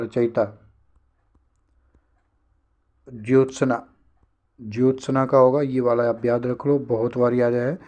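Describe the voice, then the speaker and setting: A man teaching a spelling lesson for an exam, briskly repeating each word to correct it. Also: mid-range voice, muffled recording.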